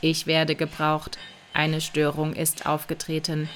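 A woman voicing a calm, patient male factory robot who explains things in an instructive way. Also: deep voice, slow pace, soft background music, voice pushed down.

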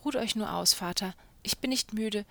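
A woman's voice: mid-range voice, normal speed, gravelly, no echo, natural voice. A woman reading a fearless young man. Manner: calm, bold. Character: fearless clever young male student, son.

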